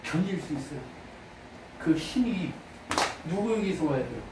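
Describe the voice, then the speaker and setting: A pastor preaching a sermon, firing questions at the congregation and bursting into loud exhortations. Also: medium pitch, animated, normal speed, background noise. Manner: fires rhetorical questions at the congregation. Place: church sanctuary. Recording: roomy distant mic.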